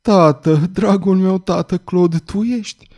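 A man's voice: high voice, a little mellow, voice pushed up. A man doing a frail, frightened young girl. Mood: joyful, tearful. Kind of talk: audiobook character voice.

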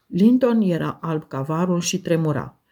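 A woman narrates an audiobook in first person with a mellow, warm tone. Her voice sits a little low and her delivery is measured and expressive.

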